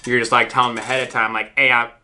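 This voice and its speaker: Rambling man co-host with a very bright voice. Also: mid-range voice, flat delivery, rapid-fire, a little hiss or hum. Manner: rambling storyteller, swears, acts out quotes. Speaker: podcast co-host. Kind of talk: casual podcast chat.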